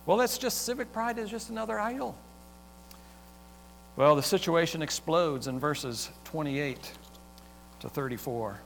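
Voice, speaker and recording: A man preaching a sermon, reading scripture aloud and explaining it with lively sports comparisons. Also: on the high side, unhurried, gravelly, long pauses. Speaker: pastor. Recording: reverberant hall with faint mains hum.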